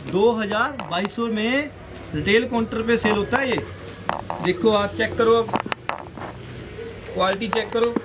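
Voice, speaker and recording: Persuasive shopkeeper man, high voice. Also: measured pace, pauses often, noisy background. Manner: persuasive, repeats prices, mixes in Punjabi. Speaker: wholesale suit shopkeeper. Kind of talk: casual sales pitch. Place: indoor clothing shop, stacked shelves.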